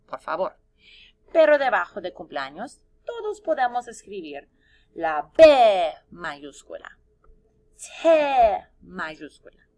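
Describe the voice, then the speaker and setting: A woman teacher giving a lesson to young children, speaking slowly and carefully and sounding out letters as she spells. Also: mid-range voice, a bit bright.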